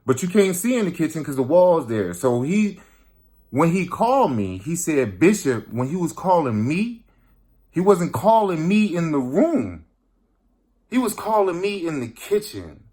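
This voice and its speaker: A man's voice: fairly high pitch, sing-song, a little slow, warm tone. A young man casually retelling a creepy story, slangy and profane, full of fillers.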